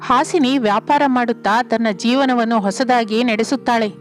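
Woman storyteller with a high voice, steady scripted narration, faint music behind. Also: normal speed.

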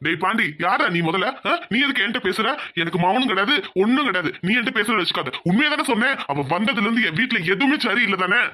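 A man's voice: high voice, animated, fast talker, hardly any pauses, pushed and bright. A man voicing a furious village landlord father. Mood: angry. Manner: scolding, domineering. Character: proud angry village landlord father, middle-aged.

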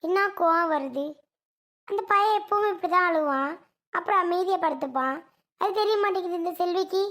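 A woman's voice: extremely high pitch, moderate pace, a bit bright. A woman playing a nagging, fussy grandmother. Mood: grumbling. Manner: nagging, complaining, lecturing. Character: fussy scolding grandmother, protective of baby. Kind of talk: family comedy skit.

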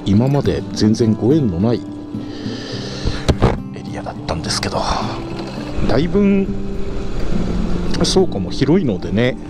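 Motovlogger, male, relaxed musing delivery with lively pitch swings, loud music bed over road noise. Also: measured pace, pauses often. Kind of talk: casual riding commentary. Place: riding a motorcycle outdoors. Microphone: helmet-mounted action camera mic.

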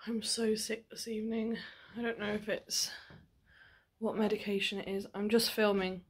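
A husky, medium-pitched woman in her twenties speaks flatly at a moderate pace. She's a vlogger chatting casually to her video diary from a small living room or bedroom at home, sounding weary, tired and nauseous, her jaw sore after dental surgery.

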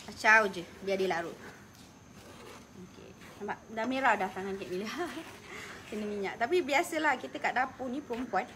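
A woman's voice: fairly high pitch, moderate pace, sharp tone, slight background noise. A woman with a Malaysian accent, chatting through a cooking demo in her kitchen while telling personal stories, laughing often. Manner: talkative, laughs often, emotional storytelling. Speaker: cooking vlogger. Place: home kitchen.

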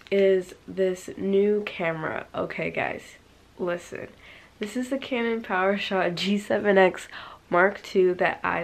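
A woman's voice: medium pitch, a little hiss or hum. A teenage girl in her bedroom, chatting in a casual haul vlog, bubbly and rambling with lots of fillers. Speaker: vlogger.

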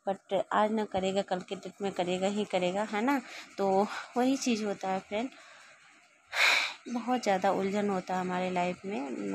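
A woman's voice: medium pitch, a little mellow, a little hiss or hum. A woman in her thirties, a mother talking casually to her viewers in a chatty, repetitive way while cooking in her home kitchen. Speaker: vlogger and mother.

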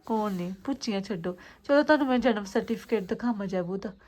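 A woman's voice: medium pitch, fast, a little mellow, slight background noise. A woman with an Indian Punjabi accent chatting casually in a home vlog, playful and doting, often repeating phrases as she coaxes her child. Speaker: family vlogger, mother. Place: at home, indoors.

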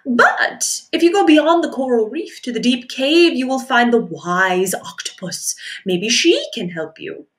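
A woman voicing a calm, helpful starfish who speaks in a measured way. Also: on the high side.

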